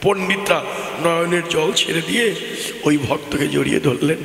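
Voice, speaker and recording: A man's voice: a little high, moderate pace, gravelly, a bit bright. A man giving a devotional kirtan sermon, telling a story with emphatic, sing-song delivery that rises and falls. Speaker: kirtan preacher. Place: open-air gathering with loudspeakers. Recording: echoey hall from a PA system.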